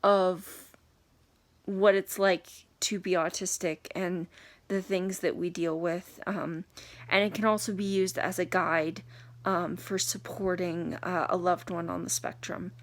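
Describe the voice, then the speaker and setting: A young woman giving an unscripted talk to camera, halting and hesitant, with many pauses and fillers. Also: fairly low pitch, flat delivery. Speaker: video blogger reviewing a book.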